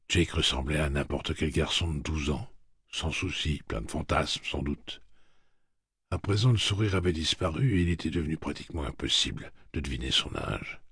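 A man narrating an audiobook in a steady, measured reading. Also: extremely low pitch, breathy edge, no echo, clean studio sound. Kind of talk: scripted narration.

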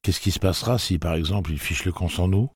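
A man voicing a sardonic, nervous young man who speaks in quick quips. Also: low voice, a little mellow, husky, no room sound, clean studio sound, pitched above the performer's own voice. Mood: wry.

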